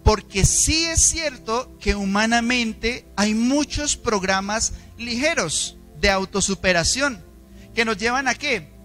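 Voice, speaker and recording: High-voiced Colombian pastor preaching. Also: male voice, expressive, slow, sharp tone, faint music behind. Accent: Colombian Spanish. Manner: preaches with rhetorical questions to the congregation; dramatic, emphatic delivery with shifting pitch. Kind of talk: sermon. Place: church.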